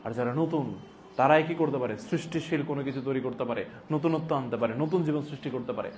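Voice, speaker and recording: A man giving a classroom lecture as a teacher, repeating phrases deliberately for dictation and prompting students with emphatic questions. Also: mid-range voice, darkish tone, a little hiss or hum. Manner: repeats phrases slowly and deliberately for note-taking.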